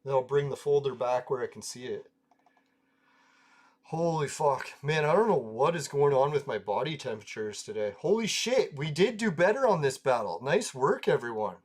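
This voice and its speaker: A man's voice: mid-range voice, big pitch swings, moderate pace. A man chatting casually over gameplay, rambling through anecdotes, laughing often and swearing freely. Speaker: gaming video creator.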